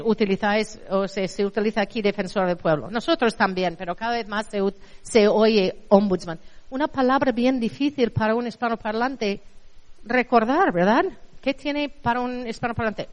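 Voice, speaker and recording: A woman's voice: fairly high pitch, normal speed, lo-fi sound. Woman, Spanish accent, middle-aged, university lecturer, conversational, long hall reverb. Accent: Spanish (Spain). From Spain. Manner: conversational, checks in with ¿no? and ¿verdad?. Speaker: lecturer on translation. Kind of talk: university lecture with audience questions.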